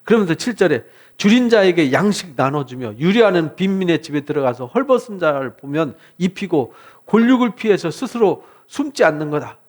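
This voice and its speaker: This expository sermon comes from a South Korean pastor whose high, spirited voice moves a little fast. Full of fervor, he throws questions at listeners and dramatizes what the people in his message said.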